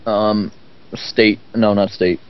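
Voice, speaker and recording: A man's voice: lowish voice, steady tone, slow, clean tone. A man taking part in a tabletop role-playing game, talking casually through his moves and advice. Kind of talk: casual chat. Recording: dull lo-fi voice-chat audio.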